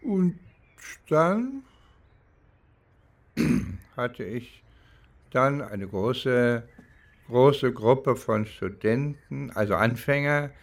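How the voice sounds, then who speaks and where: Searching for words as he reflects, a former East German professor, now older, recalls his life during an interview. His mid-range voice is sing-song and gravelly, and his delivery is halting.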